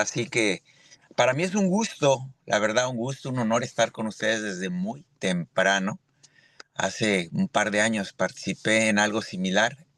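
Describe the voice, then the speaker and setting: This lay preacher from Mexico has a lowish voice with a fairly bright tone. Preaching earnestly in church, he frequently tosses a rhetorical "¿verdad?" to his audience. The sound has no echo.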